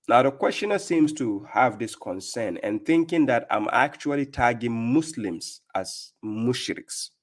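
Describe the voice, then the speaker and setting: A middle-aged man with a Ghanaian accent and a fairly low voice leads a live-stream religious talk. He speaks emphatically and firmly, often stopping to ask his viewers "right?". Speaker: livestream host and religious speaker.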